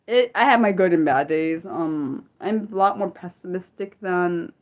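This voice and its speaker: An unscripted livestream is hosted by a woman in her 30s who casually chats with viewers and reads comments. Her voice is on the low side and her pace moderate, and she rambles and corrects herself as her energy rises to excitement and drops to subdued.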